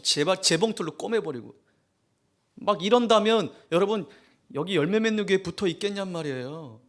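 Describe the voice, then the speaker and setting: A male pastor preaching a sermon in a church, telling exaggerated humorous stories in an animated way. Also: fairly high pitch. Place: church sanctuary.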